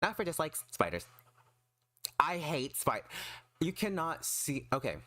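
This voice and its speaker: A man chatting casually on a livestream in an excitable, emphatic, self-deprecating way. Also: on the high side, measured pace, no echo. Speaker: streamer and artist.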